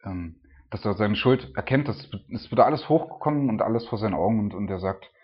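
A man retelling a Bible story in a casual, conversational way. He often ends his points with a questioning "ne?" and often lets his voice drop quiet. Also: lowish voice, lively intonation, fairly quick, husky, muffled recording.

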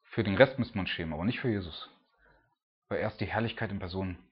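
Husky-voiced man preaching casually. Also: low voice, quick pace, muffled recording. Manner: loose and chatty, full of filler words.

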